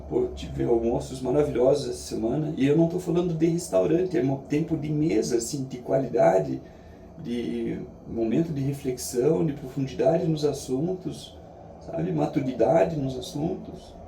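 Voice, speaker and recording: Man, Brazilian accent, very mellow dark voice, gravelly, reflective vlog monologue, earnest and halting. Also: a little high. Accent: Brazilian Portuguese. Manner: earnest, halting, with frequent tag questions. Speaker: vlogger sharing daily reflections. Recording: echoey, distant mic, faint background noise.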